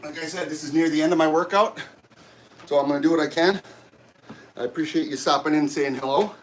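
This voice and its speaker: A middle-aged man, out of breath, chatting casually with viewers of his livestream during a gym workout, halting and rambling with many restarts. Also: on the high side, slight background noise. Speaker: livestream host. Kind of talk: casual chat while working out on a livestream. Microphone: camera set up nearby.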